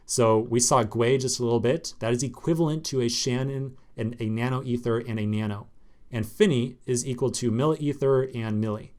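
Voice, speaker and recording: A man's voice: mid-range voice, darkish tone. Casual male coding tutor. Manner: casual, explanatory, thinks aloud with fillers. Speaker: programming instructor. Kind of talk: screencast coding lesson.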